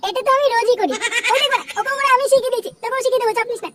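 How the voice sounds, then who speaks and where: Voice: extremely high pitch, rapid-fire, very noisy. A performer voicing a cocky, foul-mouthed teenage boy who brags and coaxes his friend in a cartoon comedy. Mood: boastful. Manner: crude swearing, boastful, coaxing.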